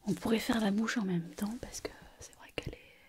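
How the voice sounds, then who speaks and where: A woman playing a calm, attentive surgeon in a whispered role-play, speaking in a soft, breathy, quiet night-time hush with slow, hesitant musing and gentle instructions. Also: mid-range voice, slight background noise, lightly acted. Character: calm, attentive surgeon examining a patient's face.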